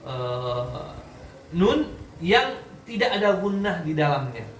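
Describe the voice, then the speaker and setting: A man's voice: a little high, big pitch swings, takes it slowly, a bit bright. A man teaching a classroom Quran recitation lesson, often quizzing his students and checking that they understand. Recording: echoey room, voice from a distance, faint background noise.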